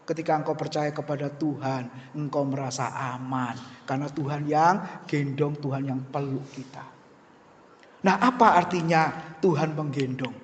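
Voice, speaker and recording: A man, preaching a lively sermon and often turning to address the congregation. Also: a little high, moderate pace, slight background noise. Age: 50s. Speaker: pastor. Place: church hall. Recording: echoey hall.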